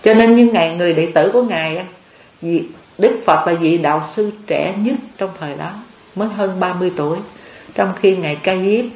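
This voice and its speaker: A woman's voice: fairly low pitch, a little fast, a little mellow. An older Buddhist nun gives a homely dharma talk, telling stories and often checking that her listeners understand. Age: over 60. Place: monastery hall. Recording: roomy hall with faint ambience.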